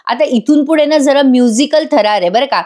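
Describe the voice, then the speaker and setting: A woman's voice: sits high, fairly quick, a little mellow. A woman giving a chatty, amused voice-over review of a TV serial episode and speaking straight to her viewers.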